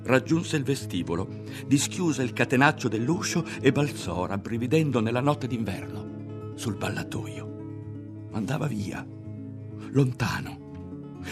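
Low, gravelly male audiobook narrator. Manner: measured, dramatic reading. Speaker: audiobook reader.

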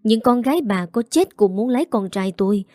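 A woman's voice: on the high side, animated, a little fast, darkish tone, no room sound, clean studio sound, natural voice. A woman doing a scornful, haughty matriarch. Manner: contemptuous, domineering. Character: cold, haughty rich matriarch, older woman.

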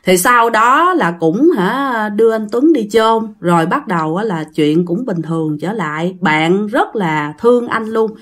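Telling her ghost story at a measured pace with few pauses, the Southern Vietnamese-accented woman uses a medium-pitched, expressive voice. She keeps it chatty and talks directly to her audience.

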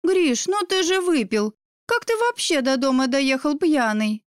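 A woman voicing an excitable young woman with a high, emphatic voice. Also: moderate pace, dry recording, clean studio sound. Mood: scolding.

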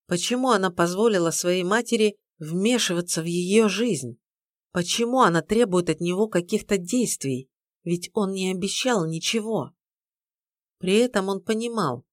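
A woman narrating an audiobook in a measured, steady way. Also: fairly low pitch, no echo, studio quality. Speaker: audiobook reader. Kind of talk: scripted narration.

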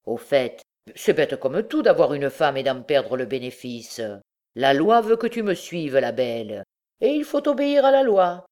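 A woman voicing a coarse, scheming male bandit who taunts his wife in a lowered, gruff voice. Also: very animated, a little slow, mellow. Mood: domineering.

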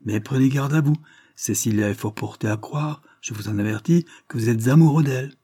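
A man reading the part of a good-natured young nobleman in an audiobook, lively and teasing. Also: medium pitch, brisk, husky, no room sound, clean studio sound, close to an everyday voice.

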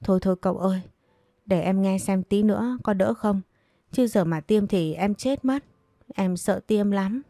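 A woman's voice: medium pitch, normal speed, warm tone, dry recording, lightly acted. Sly, whining servant girl, read by a woman storyteller; dry, close sound. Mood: pleading. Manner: whining, pleading.

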